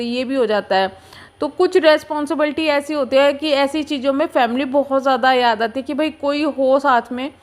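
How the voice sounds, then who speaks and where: High-voiced woman narrating her home vlog. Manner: chatty, confiding and unhurried, talking to viewers like a friend. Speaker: vlogger.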